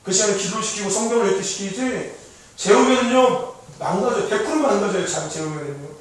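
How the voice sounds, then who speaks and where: High-voiced man preaching in an echoey hall. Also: fast talker. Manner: preachy, calls out amen, quizzes listeners. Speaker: youth pastor. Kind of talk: sermon to youth. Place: church worship hall. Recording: echoey hall, distant mic, faint noise.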